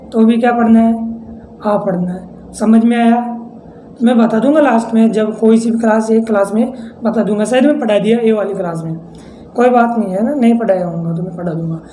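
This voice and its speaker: A man's voice: very high-pitched, a little mellow. A man from India teaching an English pronunciation class, drilling rules and often asking his students questions back. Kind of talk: classroom-style pronunciation lesson. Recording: echoey room with faint background noise.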